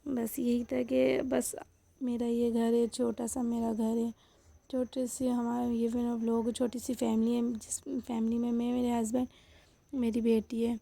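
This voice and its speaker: A young woman's voice, a touch high and pitched fairly flat, with a gravelly creak running through it. She talks in a chatty home-vlog way, turning often to speak straight to her viewers, with a mellow, unhurried tone. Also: no echo. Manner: chatty, addresses viewers directly. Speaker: housewife vlogger. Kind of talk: casual home vlog chat.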